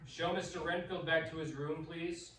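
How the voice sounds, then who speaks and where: A man playing a composed, authoritative asylum doctor in a radio play, speaking in a measured, polite and commanding way. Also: on the high side, fairly even intonation, bright, forceful tone. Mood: firm, questioning. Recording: very echoey, distant mic, background noise.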